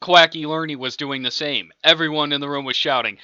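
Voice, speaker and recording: A man casually reads out an improvised homemade audiobook, rambling and chuckling between lines. His voice is bright and a little high. The recording is dry and dull, like a lo-fi home setup. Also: fairly even intonation, brisk, smooth, no room sound. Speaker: amateur audiobook reader. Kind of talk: casual improvised story narration.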